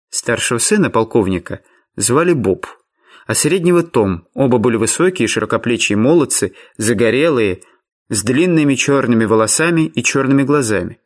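Male audiobook narrator, middle pitch, calm and even first-person storytelling.

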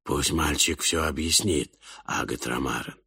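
A man voicing an eloquent alien elder who speaks in a hoarse, strange whisper with long, formal phrases. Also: very deep voice, steady tone, moderate pace, no echo, studio quality, full character voice. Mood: hushed. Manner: flowing, formal, endless phrasing. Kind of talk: audiobook character voice.

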